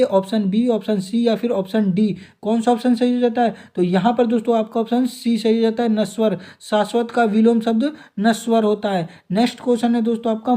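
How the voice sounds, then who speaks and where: A man's voice: high-pitched, dark tone. A young man teaching an exam revision lesson, reading out quiz questions and options and then giving each answer, often addressing listeners as friends.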